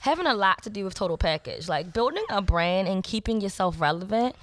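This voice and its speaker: A woman's voice: mid-range voice, lively intonation, fairly quick. A woman in her thirties co-hosting a casual podcast, chatting about family and work with plenty of fillers. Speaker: podcast co-host. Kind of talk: casual chat.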